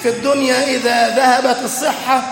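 A man preaching a sermon with rising shouts and chanted phrases. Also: very high voice, level tone, fairly quick. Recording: echoey hall with long reverb.

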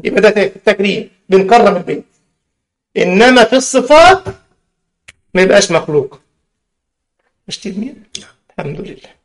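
A man with an Egyptian accent giving a religious lesson in a mosque. He keeps asking his listeners questions and draws out key words slowly. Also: sits high, lively intonation. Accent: Egyptian Arabic. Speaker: religious teacher. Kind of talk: mosque lesson in plain colloquial speech.

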